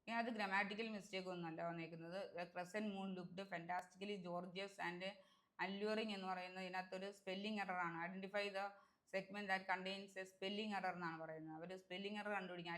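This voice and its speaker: A young woman with a Malayali accent teaching an exam-prep English grammar lesson, slowly reading example sentences and repeating key words. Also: mid-range voice, a bit bright, low-quality recording.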